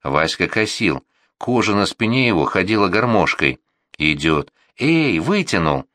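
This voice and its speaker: A man reading a war memoir aloud as an audiobook narrator, with an expressive, measured delivery. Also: on the low side, no room sound.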